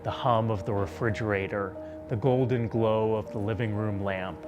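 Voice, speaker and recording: A man in his twenties, a TV reporter, narrating a personal story in a soft, reflective voice. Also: fairly low pitch, steady tone, normal speed, lo-fi sound. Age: 20s. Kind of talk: scripted narration. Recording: narration over music.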